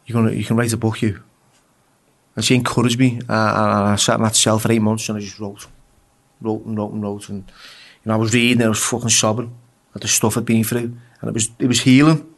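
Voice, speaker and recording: On the low side and fairly quick, an English man's voice delivers raw prison stories in a flat way. He's a guest in a casual interview, swearing freely, stammering and repeating words.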